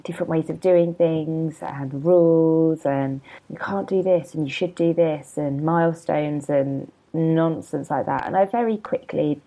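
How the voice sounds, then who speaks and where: Low-voiced woman, chatty and gravelly. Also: unhurried, dark tone. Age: 30s. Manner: chatty, self-deprecating, rambling with asides. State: a bit hungover and yawning. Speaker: podcast host and blogger. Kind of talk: casual solo podcast chat.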